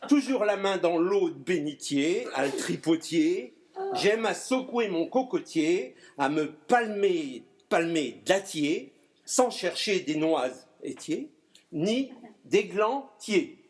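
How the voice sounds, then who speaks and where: A middle-aged poet and clown with a high-pitched, expressive voice speaks slowly at a live poetry event, telling a story and reciting a comic rhyming poem. He plays with words and adds chuckling asides.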